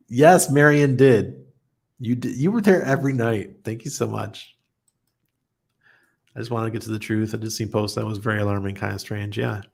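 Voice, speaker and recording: A man with a creaky, slightly rough mid-range voice runs a casual livestream. He reads viewer comments aloud and answers in a blunt, talkative style, frequently laughing.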